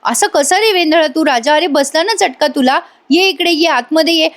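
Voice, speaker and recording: A woman's voice: high voice, normal speed, voice pushed up, lightly acted. A woman voicing a cheerful young bride who fusses over her husband with bossy, affectionate scolding. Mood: fussing.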